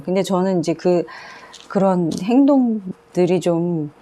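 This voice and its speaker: Woman preacher, low-ish voice, chatty sermon testimony, repeats herself. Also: mellow. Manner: conversational storytelling with frequent fillers and repetition.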